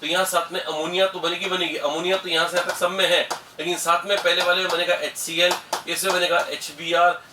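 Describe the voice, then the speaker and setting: A man's voice: high-pitched, little pitch movement, a little fast. A middle-aged man with an Indian accent teaching a chemistry lesson, explaining steps patiently and calling his students beta. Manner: explanatory, addresses students as beta, mixes English terms. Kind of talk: classroom lecture. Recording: echoey room, mic at a distance, faint hiss.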